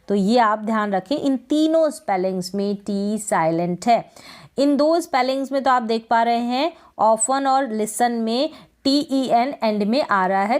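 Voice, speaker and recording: A woman teaching English pronunciation, explaining patiently, repeating each word and answering her own questions. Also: a little high. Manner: patient, repeats words and asks questions then answers them. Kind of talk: explaining lesson.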